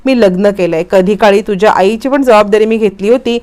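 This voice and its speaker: A woman voicing a calm, caring husband and father in a story recap, with a gentle, reassuring manner. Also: mid-range voice, a little fast, smooth, natural voice. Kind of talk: read-out dialogue in a story recap.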